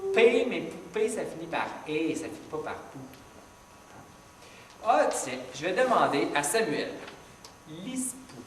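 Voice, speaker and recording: A woman's voice: low voice, sing-song, measured pace. A woman teacher reading a story to young children and stopping to ask them patient, encouraging questions about sounds and rhymes. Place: classroom with children. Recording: echoey classroom from far off with noise.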